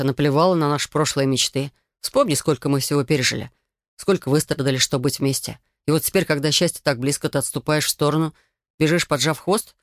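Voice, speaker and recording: A woman's voice: sits low, no echo, studio quality. A woman doing a smug self-justifying young man. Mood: pleading.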